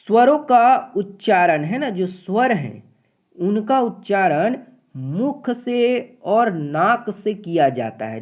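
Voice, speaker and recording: Step-by-step exam-prep teacher, middle pitch, thin phone-line quality. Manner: explains step by step, often adds tag questions. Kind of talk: exam-prep grammar lesson. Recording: phone-like narrow audio.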